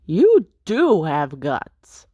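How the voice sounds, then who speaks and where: A woman's voice: deep voice, wildly swooping pitch, very slow, warm tone, dry recording, highs cut off, full character voice. A woman voicing a cocky masked swordsman. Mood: swaggering. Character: brash masked male swordsman intruder, theatrical and cocky. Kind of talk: reading a visual novel aloud.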